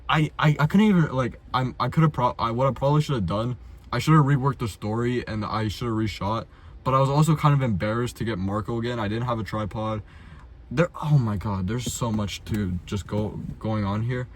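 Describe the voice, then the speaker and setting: Unscripted and loose, this young video host and amateur filmmaker talks bluntly, pokes fun at himself, and swears and uses slang freely. His voice is medium-pitched at a normal speed.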